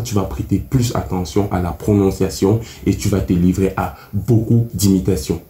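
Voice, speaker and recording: Male lesson host, low and mellow voice, explains points directly to camera, echoey room. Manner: addresses the viewer directly, explains step by step. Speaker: English teacher, channel host. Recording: echoey room with faint music.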